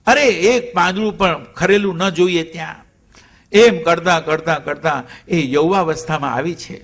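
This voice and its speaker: A man giving a devotional storytelling sermon, lively and conversational, with humorous asides. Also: a little high, a little slow.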